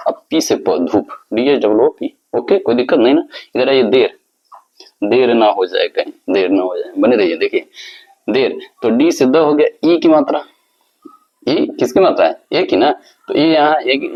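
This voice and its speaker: A male teacher explaining a lesson step by step, asking the class questions and answering them himself. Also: medium pitch. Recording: slightly dull lo-fi recording.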